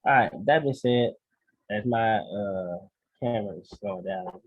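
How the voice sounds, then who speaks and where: Husky-voiced man joking on a podcast. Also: measured pace, no room sound, narrow, tinny audio. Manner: joking, laughs often, trails off low. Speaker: podcast co-host. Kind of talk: casual comedic chat. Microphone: video call.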